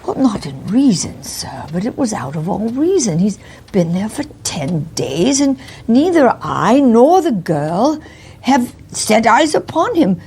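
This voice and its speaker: A woman's voice: a little high, sing-song, measured pace, a little mellow, husky, full character voice. A woman playing a nervous, deferential Victorian landlady in a mystery role-play, with a stammering, frightened manner. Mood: anxious, deferential.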